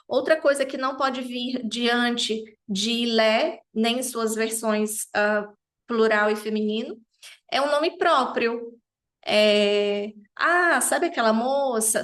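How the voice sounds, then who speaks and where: A woman's voice: on the high side, fairly bright tone. A woman teaching French grammar to beginners, checking in with her students often and stressing each French phrase as she says it. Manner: didactic, checks in often with "tá bem?".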